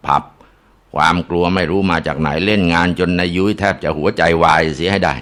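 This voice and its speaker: Man, very low voice, ghost story narrator, dramatic, filler sounds. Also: steady tone, a little fast, fairly bright tone.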